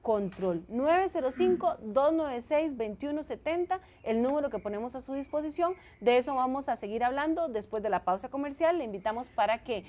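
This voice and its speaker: A woman's voice: high voice, animated, moderate pace, hardly any pauses, a little mellow. A woman hosting a call-in talk show, announcing the number and welcoming callers. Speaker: program host.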